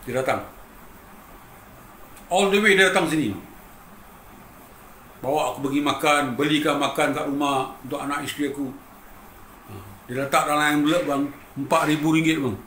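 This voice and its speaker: A man's voice: a little high, normal speed, long pauses, bright, forceful tone, slight background noise. A middle-aged Malaysian man with a Malaysian accent, a guitarist telling his own story in an emotional, emphatic way and often addressing the listener as "bang". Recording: roomy echo with faint ambience.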